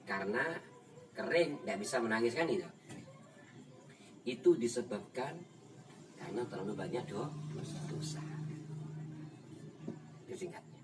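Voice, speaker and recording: An ustaz with a Javanese accent teaches an informal kitab study, acting out dialogue and laughing often. His mid-range voice is animated and unhurried, broken by long pauses, and the distant mic picks up room noise.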